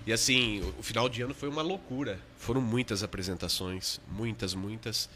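A man's voice: fairly low pitch, moderate pace, bright, forceful tone, a little hiss or hum. A man with a São Paulo countryside accent, chatting casually as a guest being interviewed. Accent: Brazilian, São Paulo countryside. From interior São Paulo, Brazil. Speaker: podcast guest, orchestra conductor.

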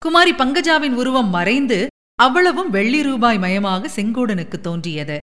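A woman narrating a story aloud in a steady, measured way. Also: on the high side. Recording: long echoing reverb.

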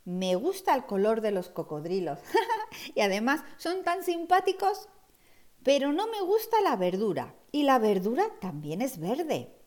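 Woman voicing a cheerful little storybook girl, very animated. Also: mid-range voice. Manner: expressive, wondering, emphatic. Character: cheerful, curious little girl who loves painting. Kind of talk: children's storybook read-aloud.

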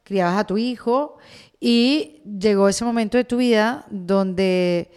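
A middle-aged Venezuelan woman hosts a podcast in a relaxed, chatty way. She circles her questions with fillers and restarts, at a medium pitch. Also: slow pace, smooth. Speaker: podcast host. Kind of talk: conversational podcast interview.

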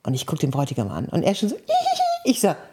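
A woman's voice: rapid-fire, a little hiss or hum. A woman, a wedding officiant, telling wedding anecdotes in a casual chat, acting out dialogue in a raised voice and dropping to whispers. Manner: lively storyteller, acts out dialogue in a high voice, drops to whispers.

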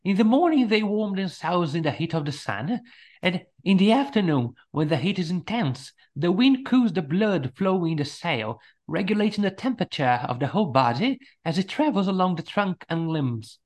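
A narrator doing an eager, lively doctor. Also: male voice, sits high, normal speed, voice pushed up. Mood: enthusiastic. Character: eager older male doctor Keen.

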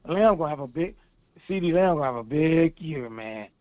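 A man speaks over a tinny phone line in a high voice. He is an eager football fan calling in, talking in loose slang. The line is dry and narrow. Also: expressive, brisk, no echo. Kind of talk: casual sports chat.

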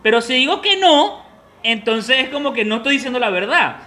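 A man's voice: extremely high pitch, animated, brisk, bright, forceful tone, a little hiss or hum. A man with a Venezuelan accent co-hosting a casual chat, telling stories and acting out voices, laughing often. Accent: Venezuelan Spanish. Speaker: podcast co-host.

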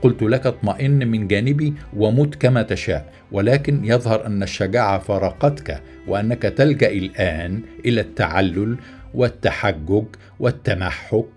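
A man's voice: lowish voice, moderate pace, darkish tone, faint music behind, natural voice. A man voicing a cool, dismissive young woman who teases and mocks the man beside her. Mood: mocking.

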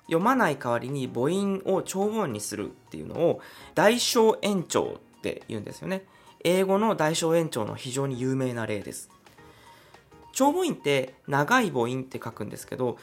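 A man hosting his own podcast, talking through an idea one step at a time in a chatty, easygoing way. His voice is a little breathy, and his pitch moves around a lot as he speaks. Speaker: podcast host. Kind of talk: solo podcast explainer.

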